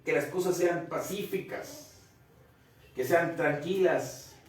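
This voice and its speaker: A man's voice: fairly high pitch, takes it slowly, recorded from a distance. A man preaching a family Bible study sermon, earnestly repeating phrases and putting questions to his listeners. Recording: very echoey room, voice from off the mic.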